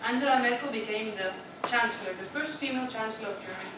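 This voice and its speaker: Her voice is a little high and she talks fast: a young Dutch club speaker presenting a prepared speech in a meeting room. She keeps it chatty, questions the audience, and leans on "right?" a lot. The sound is echoey, distant and noisy.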